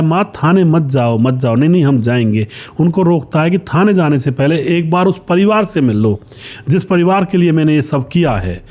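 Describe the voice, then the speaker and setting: A man telling a story in a relaxed, chatty way, talking to his listeners as friends. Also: a little high. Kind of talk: casual spoken storytelling.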